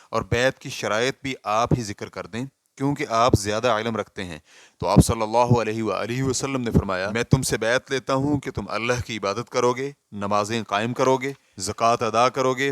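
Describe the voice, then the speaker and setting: A man giving a formal, measured reading of a religious question and its answer, citing references in an even recitation. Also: lowish voice, clear, resonant tone, no echo, clean studio sound. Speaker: reader of a religious ruling.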